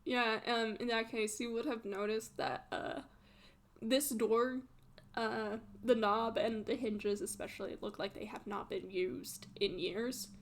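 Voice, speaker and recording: A woman running a tabletop game, improvising narration in a hesitant, halting way. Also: on the high side, fairly even intonation. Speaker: game master.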